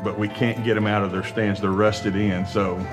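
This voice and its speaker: Coach, deep plain-spoken man, music bed. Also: flat delivery, normal speed. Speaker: high school coach showing the weight room. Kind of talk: documentary interview and walkthrough. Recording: background music under the voice.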